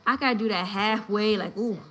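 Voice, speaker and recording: A woman's voice: medium pitch, fairly quick, fairly bright tone, rough recording. A woman in her thirties from New York, chatting casually on a home livestream and giving advice to her viewers. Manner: chatty, advice-giving, acts out voices in anecdotes. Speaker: livestream host.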